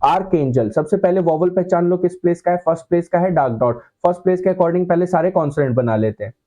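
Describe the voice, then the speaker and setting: A man's voice: high-pitched, fast, mellow. A man teaching a shorthand class in mixed with terms, patiently asking the students questions and answering them himself. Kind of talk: classroom lesson. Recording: dull lo-fi recording.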